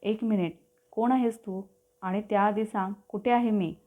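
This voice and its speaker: A woman's voice: medium pitch, steady tone, normal speed, mellow, close to an everyday voice. A woman voicing a bewildered modern young woman who fires off blunt questions, in a storybook reading. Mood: demanding. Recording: tinny phone-like audio.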